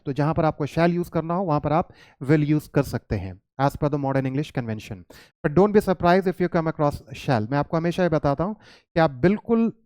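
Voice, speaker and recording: An English teacher gives a classroom grammar lesson, mixing Hindi and English, reading English sentences slowly and asking and answering his own questions. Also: a little high, warm tone, no echo, studio quality. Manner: mixes Hindi and English, reads English lines slowly; addresses students as children, asks and answers his own questions.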